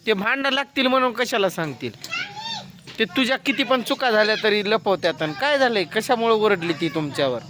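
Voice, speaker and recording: A man's voice: high-pitched, expressive, a little fast, noisy background. A man filming a vlog who keeps pressing questions and scolds in a casual family chat. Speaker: vlogger.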